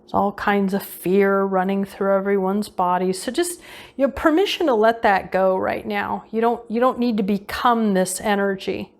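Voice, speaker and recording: A woman of medium pitch and moderate pace leads an unscripted guided visualization meditation. Her instructions are casual, and she often repeats her phrases.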